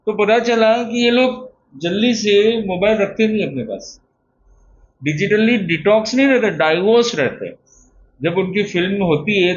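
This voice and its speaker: High-voiced man preaching, lo-fi. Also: slight background noise. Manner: rhetorical, asks questions and answers them himself; plain conversational mix of Hindi and English words. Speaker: speaker giving a motivational talk. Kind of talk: spoken motivational discourse.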